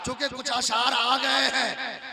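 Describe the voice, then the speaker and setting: A man preaching at a religious gathering, shouting refrains and urging the crowd to call back. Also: very high-pitched, little pitch movement, slow, gravelly. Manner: sing-song refrains. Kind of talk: fiery religious speech. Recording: loud crowd around the speaker.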